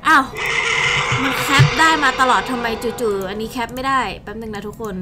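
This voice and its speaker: Loud music plays behind a young woman from Thailand as she hosts a game stream from her indoor desk. Her voice sits on the high side at a moderate pace, and her live commentary is casual and chatty, full of exclamations as she plays.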